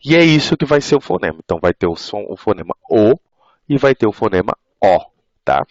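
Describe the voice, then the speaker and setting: A man with a Brazilian accent and a very low voice explains grammar in an online lecture, checking in with his listeners often. The sound is dry and close, with dull, lo-fi web conference audio. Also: sing-song, a little fast, no room sound. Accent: Brazilian Portuguese. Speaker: university lecturer. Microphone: web conference mic.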